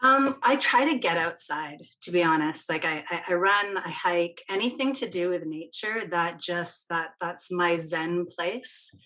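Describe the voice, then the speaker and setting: Woman from barbados, chatty consultant on a video call, kinda low voice, laughs a lot. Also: measured pace, hardly any pauses, bright, forceful tone, low-quality recording. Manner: chatty, laughs easily, restarts often. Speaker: management consultant. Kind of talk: casual panel chat. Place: remote webinar call.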